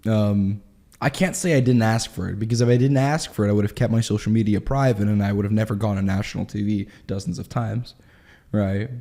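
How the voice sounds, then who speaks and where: A man of twenty, telling his story in a candid interview in quick, animated bursts. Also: fairly low pitch. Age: 20s. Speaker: guest.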